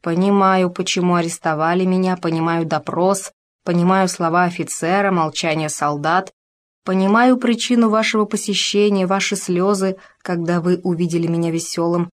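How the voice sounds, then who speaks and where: Young male officer, earnest, declaiming, read by a woman, low voice. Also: steady tone, moderate pace, natural voice. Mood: shaken. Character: young male officer, brave then shaken. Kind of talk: audiobook character reading.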